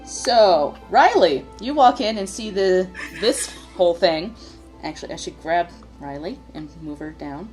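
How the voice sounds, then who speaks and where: A woman acts as game master with a slightly low voice. She describes the scene in a casual, improvised way, with halting self-corrections, while music plays clearly behind her. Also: lively intonation, a little mellow, low-quality recording.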